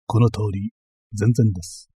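A man voicing a calm, unflappable young male messenger, delivering everything flatly and matter-of-factly. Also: lowish voice, a little slow, breathy edge, no room sound, clean studio sound, voice pushed down. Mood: deadpan. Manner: flat, matter-of-fact delivery.

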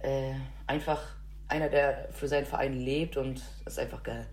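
A woman's voice: rumbling low, fairly even intonation, moderate pace, darkish tone. A woman co-hosting a casual chat about football, talking enthusiastically with many fillers. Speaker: football podcast co-host.

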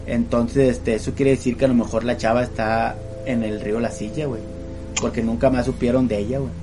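A man's voice: mid-range voice, fairly even intonation, brisk, music in the background. A man, co-hosting a podcast and telling a ghost story in loose, slangy chat, tossing in "güey" every few words.

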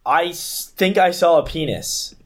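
A man co-hosting a comedy podcast, chatting casually in a goofy, laughing, low-key way. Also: unhurried, a loud crowd. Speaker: podcast co-host.

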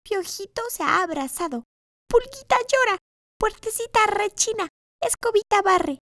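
A woman's voice: extremely high pitch, animated, measured pace, a bit bright, no room sound, studio quality, pitched above the performer's own voice, exaggerated voice. A woman voicing a frantic talking little cart in a storybook tale, rattling off its lament. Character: frantic little cart, thing, high-pitched.

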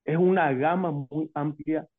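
Paraguayan male guest on a bad connection, slightly high voice, phone-like audio. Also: steady tone, dry recording. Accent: Paraguayan Spanish. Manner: measured, with many hesitations and tag questions. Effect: bad connection on a call. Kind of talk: casual remote conversation. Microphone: call from a distance. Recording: muffled, phone-like call line.

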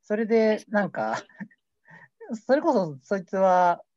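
A man's voice: high-pitched, very animated, slow pace, a little mellow, no room sound. A young man co-hosting a casual mock radio show, rambling and joking at himself. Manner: rambling, jokey, self-deprecating. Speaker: amateur radio show co-host. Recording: dull lo-fi dry recording.

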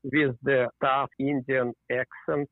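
Guest: middle-aged man from the former Soviet Union, Russian native, gravelly voice, tinny phone line, reflective and unhurried. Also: medium pitch, level tone, no room sound. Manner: reflective, with slightly non-native grammar and chuckles. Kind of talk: interview conversation.

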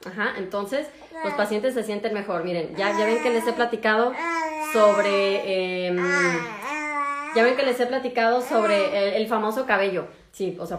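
A woman's voice: mid-range voice, roomy sound. A woman with a Mexican accent, a doctor chatting casually with viewers in a livestream and acting out what patients say. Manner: chatty, animated, acts out patients' lines. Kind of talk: casual live chat with viewers.

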